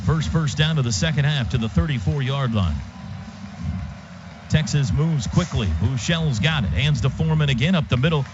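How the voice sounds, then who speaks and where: A radio play-by-play announcer calls a live football game from an outdoor stadium booth in clipped, rhythmic phrases. His medium-pitched voice moves at a normal speed, with music in the background, loud crowd noise, and a muffled radio feed.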